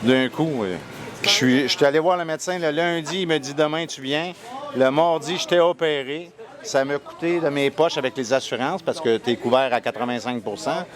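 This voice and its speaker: An older man from Quebec with a Québécois accent, a retiree chatting in a street interview and telling stories in an animated way. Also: a little high, moderate pace. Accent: Québécois French. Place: outdoors in a busy street. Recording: loud crowd noise behind.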